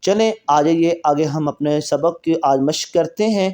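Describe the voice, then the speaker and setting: A man with a Pakistani Urdu accent teaching Quran reading, explaining the rules quickly and then drawing out each letter slowly for practice. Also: on the high side, mellow. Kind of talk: recorded reading lesson.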